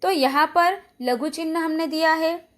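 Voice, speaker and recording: A woman's voice: very high voice, a little slow, fairly bright tone. A woman teacher from India giving a recorded Hindi lesson, patiently explaining verse meter and stretching out syllables as she demonstrates. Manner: checks in with frequent "है ना?". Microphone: phone or app voice recorder.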